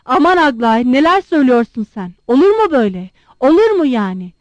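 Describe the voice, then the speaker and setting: A woman reading aloud and voicing a flustered older general who protests loudly to his daughter. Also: fairly high pitch, animated, measured pace, no echo, dull audio.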